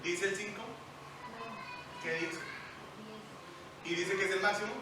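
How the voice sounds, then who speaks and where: A man preaching a lively, joking sermon, asking the congregation questions. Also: high voice, a little slow, background noise. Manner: jokey, animated, asks the congregation questions. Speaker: pastor. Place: church hall. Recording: echoey church hall, mic at a distance.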